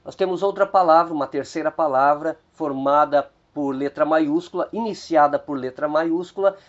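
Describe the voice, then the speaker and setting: A man with a Brazilian Portuguese accent teaching a slow video lesson, speaking deliberately and repeating each word twice. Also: a little high. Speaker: Biblical Greek teacher. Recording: dull lo-fi recording.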